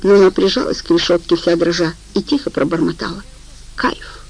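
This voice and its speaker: Woman, audiobook reader, scripted narration, calm, even. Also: on the low side, fast talker, creaky, rough recording.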